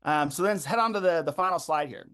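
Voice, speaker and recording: A man's voice: a little high, a bit bright, smooth. A man organizing a phone bank, walking volunteers through a calling script with frequent ums and uhs. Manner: frequent ums and uhs, repeats web addresses slowly. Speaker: campaign organizer leading a phone bank livestream. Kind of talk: instructional briefing to volunteers.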